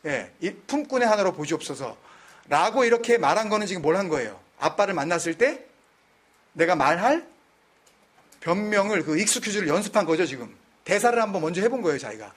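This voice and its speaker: A man with a high, slightly bright voice and a breathy edge leads a conversational Bible study, very animated and a little fast. He mixes in English words and keeps quizzing his listeners so they keep answering his questions.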